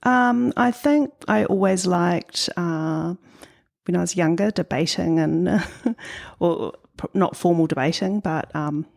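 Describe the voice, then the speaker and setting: This guest artist, a middle-aged woman from New Zealand, speaks slowly in a low, slightly mellow voice with vocal fry and a New Zealand accent. Her interview answers come out thoughtful and hesitant, with plenty of ums.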